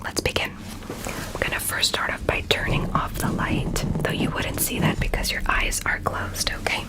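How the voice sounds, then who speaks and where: A woman whispering soothing, deliberate instructions as a doctor in an ASMR roleplay. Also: poor audio.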